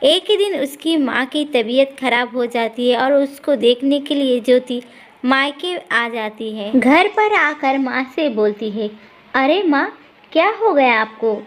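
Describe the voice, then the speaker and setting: A woman storyteller narrating a homespun family tale in a plain, steady way. Her voice sits high and bright for a woman. She speaks every character herself between the narration. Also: unhurried.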